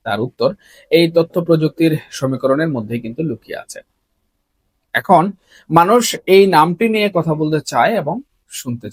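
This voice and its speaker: A man, hosting a solo political commentary in an earnest, measured way and often asking rhetorical questions. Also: a little high, no echo. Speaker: political commentator, channel host.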